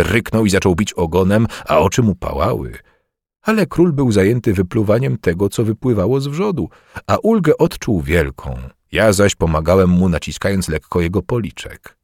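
A man giving an expressive first-person audiobook reading in a measured, theatrical storytelling manner. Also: sits low, breathy edge, no room sound, studio quality. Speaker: audiobook narrator.

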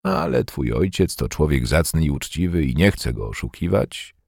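A man's voice: very deep voice, very animated, normal speed, gravelly, darkish tone, no echo, studio quality, exaggerated voice. A man reading an audiobook, voicing a bitter, toothless, one-armed old war veteran who speaks with scorn. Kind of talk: audiobook character voice.

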